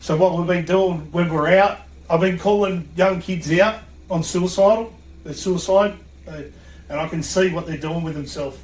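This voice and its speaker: A man, a podcast guest and coach, telling an animated story in a blunt, swearing way. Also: high-pitched, moderate pace. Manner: blunt, swears freely, acts out quotes. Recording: echoey room.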